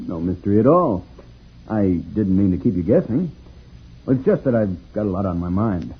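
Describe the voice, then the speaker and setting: A man's voice: fairly low pitch, very animated, moderate pace, slightly rough, full character voice. An actor playing an amiable, fatherly space troubleshooter who explains things easily in an old radio serial. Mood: friendly, reassuring. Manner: easygoing, explanatory, chuckling. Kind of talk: 1950s radio serial acting. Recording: muffled, tinny old radio recording.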